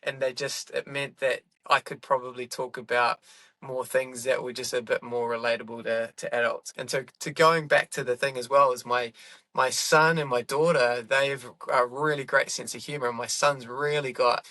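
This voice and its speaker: A man's voice: mid-range voice, fairly even intonation, normal speed, pushed and bright, no echo. A middle-aged man, a comedian chatting in a podcast interview, rambling and correcting himself as he goes. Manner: rambling, self-correcting, laughs often. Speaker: guest comedian.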